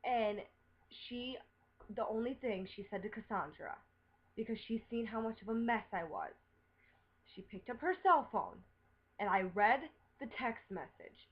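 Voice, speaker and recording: A woman with a fairly high, slightly slow voice, recorded with dull audio, rants defensively to her viewers and swears as she goes. The vlogger is upset and sounds like she's recently been crying in this emotional webcam rant.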